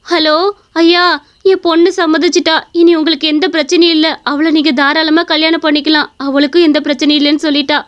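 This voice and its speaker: A woman's voice: sits high, level tone, fast, natural voice. A woman voicing an anxious middle-aged mother in a cartoon story, coaxing and pleading. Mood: relieved. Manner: pleading, persuasive. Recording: dull lo-fi recording.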